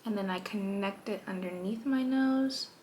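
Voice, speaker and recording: A young woman lifestyle vlogger talks at normal speed in a mid-range, slightly mellow voice, with slight background noise behind her. Sitting at her vanity, she playfully covers her everyday makeup routine, adding jokes in this chatty, casual tutorial.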